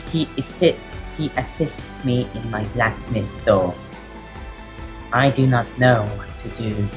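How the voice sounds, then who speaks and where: Man putting on a lonely blacksmith, slowly reading a diary. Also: mid-range voice, darkish tone, lightly acted, poor audio. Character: sad, lonely blacksmith's diary, read aloud melodramatically. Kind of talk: improvised video game role-play.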